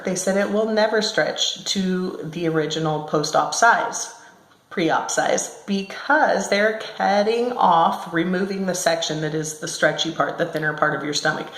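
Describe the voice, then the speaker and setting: A woman talks casually to her viewers, pausing on ums and correcting herself as she goes. Her voice sits a little low. She is recorded in a small room at work, and the echo rings around her words. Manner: chatty, with many ums and self-corrections. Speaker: vlogger. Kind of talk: casual talk to camera. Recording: echoey room sound.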